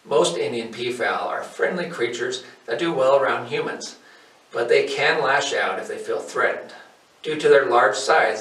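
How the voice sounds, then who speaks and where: A man in his forties, hosting a hobby farm channel, reads a scripted educational piece in a steady, informative way. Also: mid-range voice. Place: indoors, in front of a wooden wall. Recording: roomy, somewhat distant mic.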